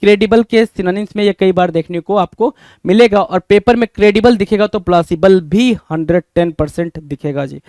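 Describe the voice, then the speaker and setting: A man's voice: high-pitched, a little fast, darkish tone, dry recording. A man teaching an exam-prep vocabulary lesson, repeating each question back to his students.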